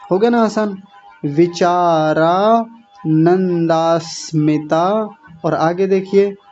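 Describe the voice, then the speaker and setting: A man teaching a class, drilling each word slowly syllable by syllable and correcting his learners' pronunciation. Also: high voice, warm tone. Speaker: teacher of a Sanskrit recitation class. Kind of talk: online class teaching recitation. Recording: dull lo-fi sound with faint music.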